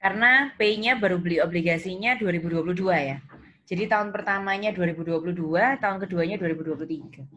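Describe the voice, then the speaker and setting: With a lowish, slightly bright voice and a quick pace, a woman teaches an interactive accounting class online. She explains things step by step and asks students questions, repeating their answers, as typing and clicks sound over the noisy recording.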